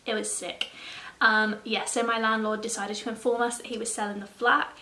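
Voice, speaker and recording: A chatty woman talks straight to her viewers, loose and profane, with a laugh never far off. Her voice sits a little high, and the room around her rings with echo. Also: level tone, moderate pace, bright, forceful tone. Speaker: YouTuber. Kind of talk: casual vlog chat. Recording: roomy echo.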